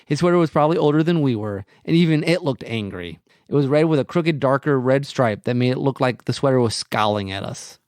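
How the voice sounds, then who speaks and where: A man's voice: mid-range voice, lively intonation, brisk, few pauses, a little mellow, clear, resonant tone, no echo, clean studio sound. A male podcast host reading a short mystery story aloud, often breaking off to laugh.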